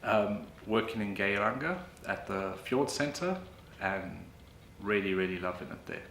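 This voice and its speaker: A man, answering interview questions in a relaxed way, correcting himself now and then. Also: on the low side, a little slow. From South Africa. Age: late 30s. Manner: relaxed, with fillers and self-corrections. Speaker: author and freelance economist. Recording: echoey room with background noise.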